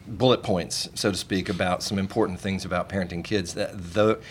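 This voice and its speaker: A male psychologist guest with a lowish voice searches for his words, filling pauses with ums and small restarts. A faint hiss sits under the recording. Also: steady tone. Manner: hesitant, many fillers, self-deprecating chuckles. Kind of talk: casual interview talk.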